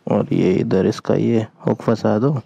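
A motorcycle vlogger from India speaks unhurriedly in a fairly low, steady, mellow voice with vocal fry, tossing short, casual remarks to viewers while he tends to his bike. The action camera and helmet recording is dull and carries outdoor traffic and street noise.

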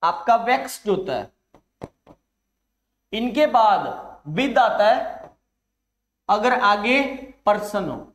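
A man with a fairly high voice runs a live online exam-prep lesson, mixing two languages as he goes. He coaxes his students along, calling them "beta", and stretches each English phrase out slowly. The room around him sounds roomy and echoey. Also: lively intonation.

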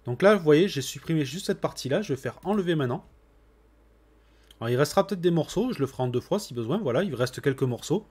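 Husky-voiced man walking through software. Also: fairly high pitch, fast talker. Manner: relaxed, chatty, with frequent "hop" and "voilà". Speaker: computer tutorial host. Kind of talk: screen-recorded software tutorial.

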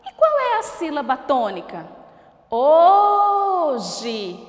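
Brazilian teacher lady, high lively voice, stretches out every syllable, echoey classroom sound. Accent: Brazilian Portuguese. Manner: slow, drawn-out syllable-by-syllable word pronunciation; encouraging, asks questions and praises. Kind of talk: recorded school lesson for children. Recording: echoey room with long reverb.

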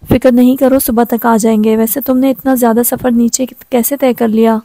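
A woman's voice: a little high, little pitch movement, normal speed, dark tone, no echo, lightly acted. A woman reading the lines of a drowsy, offhand young man speaking over a base camp radio in an audio novel.

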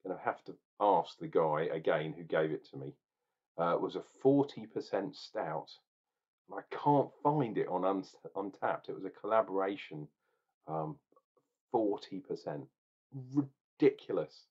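A man's voice: sits low, expressive, unhurried, darkish tone, husky. A man in his forties reviewing a beer at home, talking casually to a webcam in an opinionated, rambling, jokey way. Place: small room at home, indoors. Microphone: webcam at desk. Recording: dull lo-fi webcam sound.

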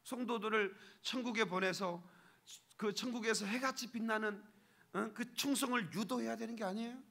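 Male pastor, bright and slightly high voice, conversational sermon with emphatic surges. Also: normal speed, gravelly. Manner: conversational preaching, repeated asking for agreement, bursts of raised emphasis. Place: church sanctuary.

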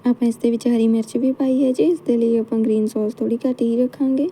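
A woman with a Punjabi accent, calmly explaining a cooking recipe step by step as a channel host. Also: a little high, fast, poor audio. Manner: calm step-by-step instruction. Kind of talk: cooking tutorial narration.

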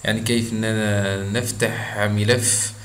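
A man with an Algerian Arabic accent giving a screen-recorded software tutorial, pausing often on drawn-out fillers and mixing in French terms. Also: fairly low pitch, flat delivery. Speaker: software instructor. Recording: roomy echo with faint background noise.

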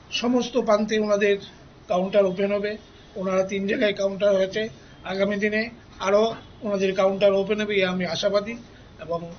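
An older man gives unscripted formal remarks in halting, measured phrases. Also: high-pitched. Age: 60s or older. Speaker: guest dignitary giving remarks. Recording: dull, noisy showroom location sound.

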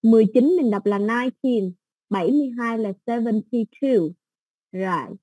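A woman with a Southern Vietnamese accent and a fairly high voice teaches an exam-prep English lesson at a moderate pace, with no echo. She explains things patiently, step by step, using soft fillers.

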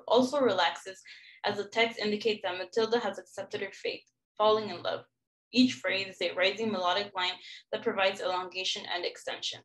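A young music student explains a song cycle during her lecture recital, moving through the score and noting its highlighted passages. Her pitch is ordinary and middle, her tone academic and explanatory, and the audio quality is poor.

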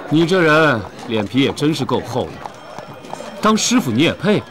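A man's voice: a little high, sing-song, normal speed, crowd noise. An actor playing a young swordsman with dry, curt retorts in a martial arts film. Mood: mocking. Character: young swordsman, terse and sardonic. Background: film score music.

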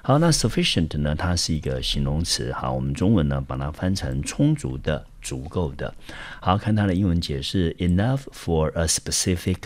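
A man's voice: rumbling low, big pitch swings, moderate pace. A man with a Taiwanese Mandarin accent, teaching an English vocabulary lesson and explaining it step by step. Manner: explains step by step, often opens with "好". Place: recorded for a school video channel.

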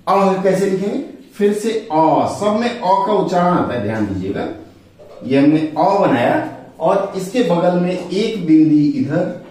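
A man's voice: a little high, a little mellow. Patient male Hindi teacher in an echoey room. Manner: patient, repeats and asks the learner questions. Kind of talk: step-by-step script lesson at a board. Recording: echoey room, mic far off.

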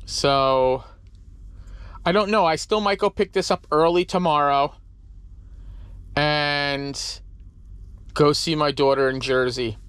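A man's voice: on the high side, slow pace, long pauses, a bit bright, clear, resonant tone, no echo. A man in his forties, a truck driver, rambling easily to a camera held at arm's length, first outdoors at a truck stop and then inside his truck cab. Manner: rambling, easygoing, talks with many fillers. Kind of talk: casual vlog talk to camera. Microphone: handheld camera at arm's length.

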